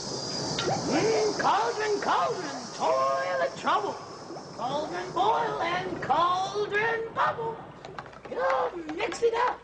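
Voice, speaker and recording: A very high-pitched, gloating old witch cooks for a children's comedy show. She is theatrical and sing-song, taking her time and swooping up and down. The old TV soundtrack is clearly noisy. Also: expressive, very slow, full character voice. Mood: gleeful. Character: cackling old witch cook, gleeful and gloating.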